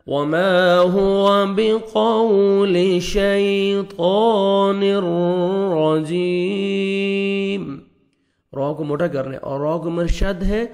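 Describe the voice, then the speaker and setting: A man with a Pakistani Urdu accent teaches the rules of Quran recitation, patiently explaining each step and chanting verses slowly. His voice is a little high with a darkish tone.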